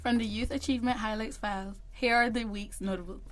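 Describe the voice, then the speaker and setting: A woman's voice: on the high side, fairly even intonation, brisk, low-quality recording. A woman with a Caymanian accent reading youth achievement announcements from a script, with a few small slips.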